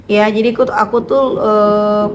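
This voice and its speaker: A woman from North talks straight to her viewers. Her speech is loud, quick and blunt, and it sits at an ordinary middle pitch. Faint ambient hiss is heard behind her. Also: little pitch movement. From North Jakarta, Indonesia. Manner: loud, fast, blunt way of talking. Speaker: vlogger and author. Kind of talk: casual chat to viewers.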